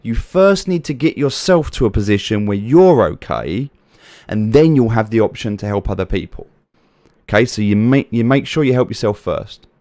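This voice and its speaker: With a fairly low, darkish and soothing voice, this British streamer speaks animatedly at normal speed. He picks out chat users by name and responds, driving home his message about helping others through earnest repetition. The sound is studio-clean, free of room noise.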